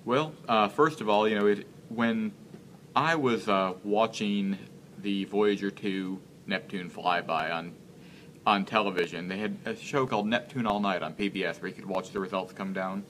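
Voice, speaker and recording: A man in his thirties, an interview guest speaking in a casual live-stream chat, earnest and halting as he searches for words. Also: lowish voice, fairly bright tone, a little hiss or hum. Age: 30s.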